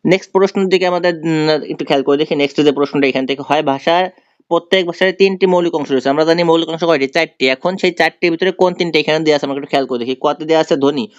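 A man's voice: on the high side, racing, no echo. A young man teaching an exam-prep lesson, explaining step by step and repeating the key answers. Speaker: tutor. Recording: dry, slightly dull sound.

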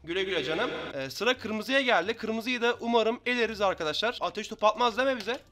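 Fast, bright-voiced young gamer man. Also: high-pitched. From Turkey. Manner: fast excitable banter, taunting opponents. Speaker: gaming YouTuber. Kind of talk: live Minecraft gameplay commentary.

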